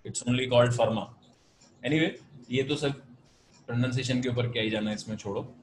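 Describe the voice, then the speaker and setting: An Indian-accented man teaches math over a video call in a patient, explaining way, drifting between Hindi and English. His voice sits in a mid pitch range. The audio is roomy, with a faint hum behind it. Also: normal speed. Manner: patient, explanatory, mixes Hindi and English, calls students "beta". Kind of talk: online class lecture.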